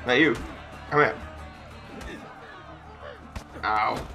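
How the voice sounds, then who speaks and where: A man's voice: medium pitch, drawn-out words, gravelly, over music, crowd noise. A man casually commentating on a video game in a joking, chatty way. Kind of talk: casual let's-play commentary.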